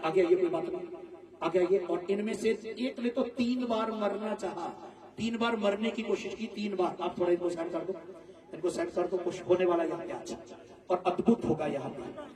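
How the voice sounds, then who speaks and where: Brief: high, lively-voiced male pastor shouting commands, heard from a distance over music and crowd. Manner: commanding, repetitive shouted rebukes. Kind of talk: deliverance prayer at a revival meeting. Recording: distant mic in a loud hall with music and crowd. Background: worship music and congregation.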